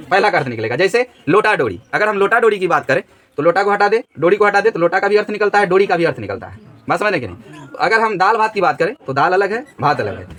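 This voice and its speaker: A man's voice: high-pitched, a bit bright. A man teaching a grammar lesson in a classroom, repeating each question so the students answer together.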